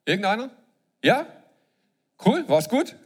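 Preaching a sermon before a live congregation, a man with a high, breathy-edged voice keeps a measured pace. He's lively, cracking jokes and putting questions to the audience.

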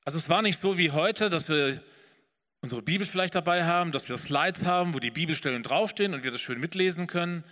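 A man preaching a sermon as pastor, earnest and swelling then dropping soft. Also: a little high, quick pace, long reverb tail. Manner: earnest preaching, rising and falling in intensity.

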